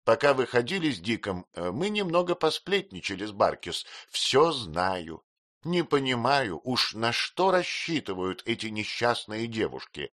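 A man reading an audiobook, voicing a blunt, fond elderly great-aunt who speaks in brisk exclamations. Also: mid-range voice, sing-song, a bit bright, no room sound, clean studio sound, voice pushed up. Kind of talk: audiobook character voice.

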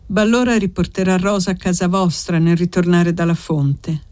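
A kindly old village aunt speaks gently and with affection, voiced by a woman reading a novel. The tone is low and close, with a dry sound. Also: steady tone, normal speed, dry recording, close to an everyday voice.

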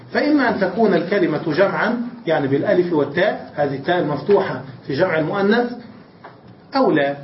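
A man's voice: high voice, slight background noise. A man, a religious scholar, giving a classroom grammar lecture, asking questions and answering them himself. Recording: distant, roomy, dull lecture recording.

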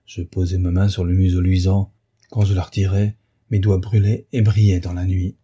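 A man giving a grave, measured narration of a novel as an audiobook. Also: low-pitched, level tone, dark tone, breathy edge. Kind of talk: scripted narration.

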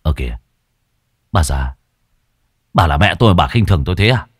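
A man doing a low, menacing gambler son. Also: lively intonation, moderate pace, no room sound, clean studio sound. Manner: low, mocking, menacing wheedling. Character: brutish grown son, gambler, violent bully.

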